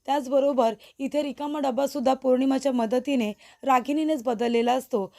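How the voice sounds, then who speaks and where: Woman recap narrator, slightly high, mellow storytelling. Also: steady tone, moderate pace, creaky. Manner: storytelling, retelling scenes.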